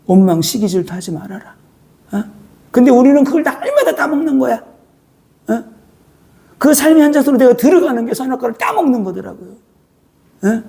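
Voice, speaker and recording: A pastor preaching a sermon with emphasis, constantly prompting the congregation with quick "huh?" tag questions. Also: mid-range voice, lively intonation, creaky, warm tone, slightly rough.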